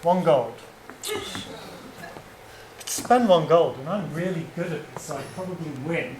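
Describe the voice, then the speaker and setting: Guy doing a pompous sneaky adventurer, high theatrical voice, echoey noisy room. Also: a little slow, natural voice. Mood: grandiose. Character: pompous devious male adventurer. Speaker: improv comedian. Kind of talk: live improv comedy.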